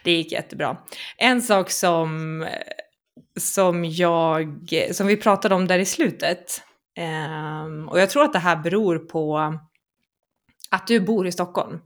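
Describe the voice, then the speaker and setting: A woman with a slightly low voice chats casually with a friend, telling stories with plenty of energy. She acts out the reactions she quotes and laughs easily between lines. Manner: animated storyteller who acts out quoted reactions. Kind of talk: casual chat.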